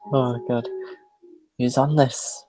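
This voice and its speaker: A man's voice: medium pitch, a little mellow. A man co-hosting a live reaction stream in casual chat, laughing often and teasing his friend.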